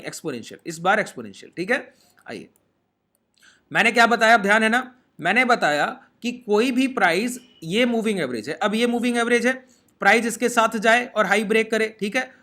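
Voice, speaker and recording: A man teaches a trading lesson over a screen share. His voice sits high and sounds bright and forceful. He walks through each step and keeps checking in with his listeners.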